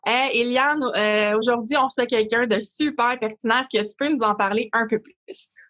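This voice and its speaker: A woman hosts a podcast. She talks in a casual, chatty way, filling her pauses with small hesitations. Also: fairly high pitch, fairly even intonation, fairly bright tone. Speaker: podcast host.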